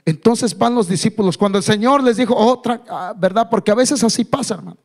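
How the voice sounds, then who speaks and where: A man preaching a sermon as pastor. He builds to loud, fervent climaxes and keeps calling the listeners brother. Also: high-pitched, brisk.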